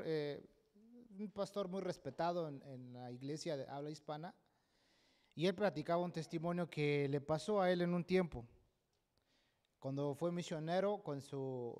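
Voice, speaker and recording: A man's voice: a little high, darkish tone. A man preaching a sermon at a church service, emphatic and often checking in with a questioning "right?". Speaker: pastor.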